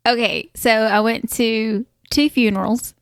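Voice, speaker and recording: A woman's voice: fairly high pitch, steady tone, measured pace, smooth, no room sound, clean studio sound. A woman co-hosting a casual podcast, telling stories in a hesitant, giggly way. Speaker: podcast co-host. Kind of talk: casual chat.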